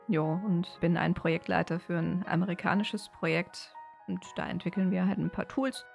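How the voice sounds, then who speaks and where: A woman's voice: on the low side, gravelly. A woman in her thirties co-hosting a casual podcast, breaking into laughter often. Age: 30s. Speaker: podcast co-host.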